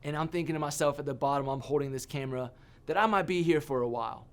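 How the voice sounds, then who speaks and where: A man giving a sermon as a youth pastor, telling a personal story with animated, self-mocking humor. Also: fairly high pitch, fast talker.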